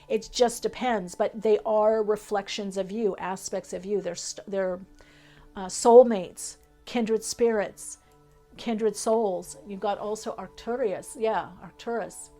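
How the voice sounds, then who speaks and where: A woman's voice: mid-range voice, warm tone. A woman giving a tarot reading for viewers, her voice sitting in an ordinary middle register. She talks in a flowing, spiritual way, running through long lists with small fillers. Light music plays faintly under her. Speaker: tarot reader.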